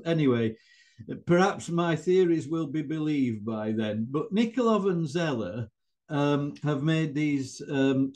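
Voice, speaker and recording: Slow-speaking elderly man presenting research. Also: mid-range voice, a little mellow. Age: older. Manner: halting, conversational, with asides to listeners. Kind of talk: informal scientific presentation with slides.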